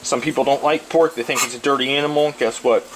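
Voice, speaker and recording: A man's voice: medium pitch, fairly even intonation, quick pace. Man, mid-range voice, casual cooking commentary, crude, rambling, repetitive, noisy sizzling and stirring behind. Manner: crude, profane, blunt. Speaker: host of a cooking show. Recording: clearly noisy, frying and stirring sounds. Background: sizzling pan, stirring, clicks.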